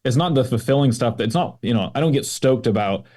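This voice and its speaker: A man's voice: medium pitch, animated, a little fast, darkish tone. A man who is a pastor, a guest on a podcast, chatting in a loose, easygoing way. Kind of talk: casual conversation.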